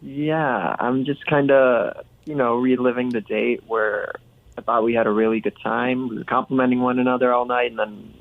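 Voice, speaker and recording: A man's voice: medium pitch, fairly even intonation, moderate pace, gravelly, dry recording. Guy calling in on the phone, tinny and dry, rambling and half joking. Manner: hurt but joking, rambling. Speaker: caller. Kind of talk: phone call on the radio.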